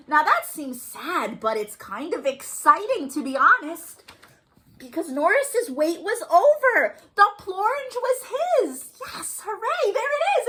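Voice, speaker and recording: With a very high voice that sounds pushed and bright, a woman leads an animated storytime for young children, reading, explaining and singing. She keeps her phrases simple and sing-song, expressive and encouraging.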